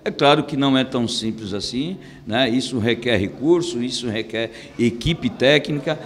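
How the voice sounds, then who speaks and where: A middle-aged man, a city councillor, giving an interview into a handheld microphone and speaking haltingly with repeated restarts. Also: medium pitch. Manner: hesitant, with fillers and restarts.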